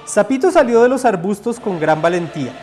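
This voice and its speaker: Lively, high-voiced male storyteller. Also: brisk, faint music behind. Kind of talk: storybook reading.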